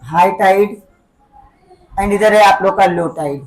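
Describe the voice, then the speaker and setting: A woman's voice: medium pitch, slow pace. A woman teaching a school class, explaining step by step and constantly asking pupils to repeat key words back, tagging her sentences with little check-ins. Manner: keeps quizzing the class with repeat-back questions; tags sentences with "है ना" and "ठीक है बेटा". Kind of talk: classroom lesson.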